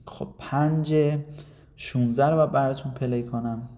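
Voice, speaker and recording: A man from Iran, teaching a casual video lesson and coaxing students while slipping in slow English. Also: mid-range voice, steady tone, dark tone.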